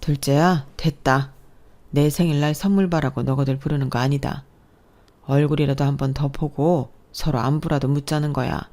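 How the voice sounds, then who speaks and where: A kind elderly father-in-law, as a woman plays him in a storybook radio drama, speaking in a calm, soothing way. The voice is low and mellow. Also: moderate pace, soft background music, lightly acted. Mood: gentle. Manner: gentle, soothing.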